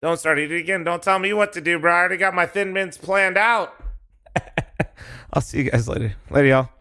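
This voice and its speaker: Bright and forceful, this young male streamer's high voice comes quickly through a smooth, dry, clean studio recording. He's worn out and losing his voice, but keeps up easygoing chat and casual cursing while gaming alongside teammates.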